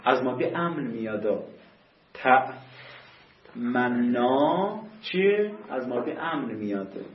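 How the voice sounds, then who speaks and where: A man's voice: medium pitch, expressive. Man teaching grammar in an echoey room. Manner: drawn-out emphatic explanations, repeating terms. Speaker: teacher of Quranic Arabic grammar. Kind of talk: classroom lesson explaining rules. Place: classroom. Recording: echoey room, dull lo-fi sound.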